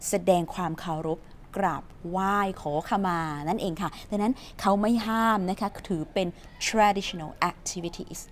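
A woman's voice: medium pitch, a little hiss or hum. A woman teaching English from a news story in a chatty, playful way, quizzing her viewers and answering herself, and reading English.

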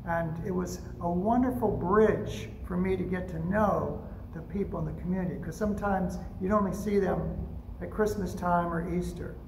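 An older man preaching a storytelling sermon from a pulpit microphone in a church sanctuary, unhurried and gentle, with frequent pauses. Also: sits high, steady tone, gravelly, slight background noise. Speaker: pastor. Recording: echoey sanctuary with faint ambience.

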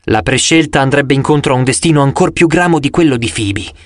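Male narrator playing a grave huntress leader, measured and stern, dry close sound, storybook. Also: mid-range voice, no room sound, natural voice. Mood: troubled. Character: stern young huntress leader, old-fashioned speech.

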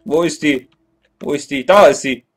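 Higher-pitched with a breathy edge, he speaks at normal speed. He's a let's play gamer in his twenties, indoors at a computer in a small room, talking through a strategy game casually while grumbling and correcting himself.

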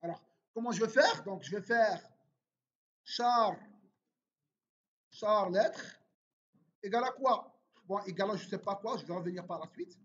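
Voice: mid-range voice, unhurried, long pauses, fairly bright tone. A programming teacher walking through an exercise, thinking aloud and asking and answering their own questions in an informal, repetitive way. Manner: informal, repeats words while typing. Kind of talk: screen-recorded coding lesson. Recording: dull lo-fi recording.

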